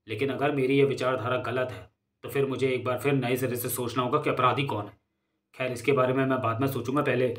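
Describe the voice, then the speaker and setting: A man's voice: medium pitch, lightly acted. Young masked hero in a comic-story reading, played by a male narrator: earnest, self-questioning.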